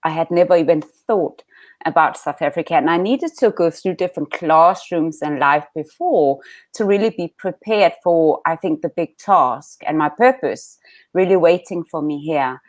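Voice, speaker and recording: A woman's voice: sits low, normal speed, no echo. A woman from Denmark with a Danish accent, reflecting on her life as an interview guest, speaking with restarts over a video call. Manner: reflective, warm storytelling with restarts. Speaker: guest coach. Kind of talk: interview conversation.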